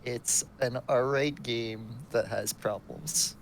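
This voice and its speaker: A man's voice: medium pitch, takes it slowly, creaky, slight background noise. A man co-hosting a live stream, chatting casually with dry, brief jokes. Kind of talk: casual chat while watching a live stream.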